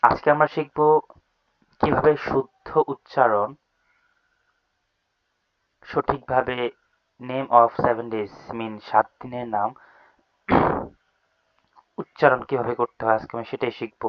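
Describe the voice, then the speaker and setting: A man from Bangladesh teaching an English pronunciation lesson, spelling words letter by letter and repeating each one slowly. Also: mid-range voice, steady tone, no echo. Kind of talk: spoken language lesson. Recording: dry, dull lo-fi home recording.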